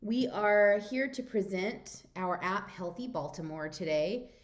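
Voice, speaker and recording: A woman giving an informal software demo as the lead presenter, with a hesitant, slightly nervous delivery. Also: medium pitch, lively intonation, a little slow. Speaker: project presenter.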